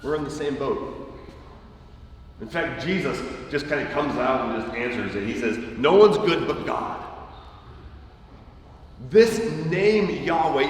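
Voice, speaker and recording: A man's voice: on the high side, a little hiss or hum. A man preaching a sermon as pastor, emphatic and repeating key phrases for weight, in a church sanctuary. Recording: echoey hall from far off.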